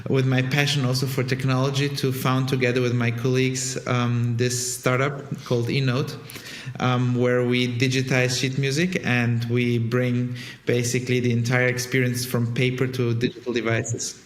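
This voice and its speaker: A man's voice: mid-range voice, monotone, moderate pace. A man who conducts orchestras and co-founded a startup, answering interview questions thoughtfully with frequent ums and restarts. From Bulgaria. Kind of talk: conversational interview. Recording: roomy echo.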